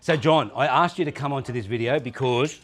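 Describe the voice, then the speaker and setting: A man's voice: medium pitch, a little fast, fairly bright tone. A man hosting a casual vlog, talking to friends and to the camera. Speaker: host.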